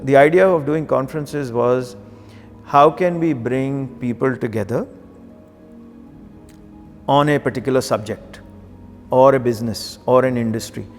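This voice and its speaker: There's a long reverb tail on this mid-range male voice, which is unhurried and broken by long pauses. The speaker, a middle-aged banker from Karachi with a Pakistani accent, reflects on his story conversationally as an interview guest, slipping in the odd Urdu phrase while music plays behind him.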